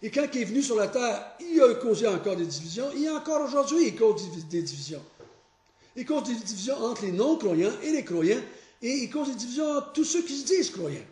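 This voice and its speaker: A man leading a Bible study. He prays, reads scripture aloud and explains it earnestly, pausing often and restarting his phrases. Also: very high-pitched, sing-song, darkish tone. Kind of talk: Bible study teaching with prayer and scripture reading. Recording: echoey room.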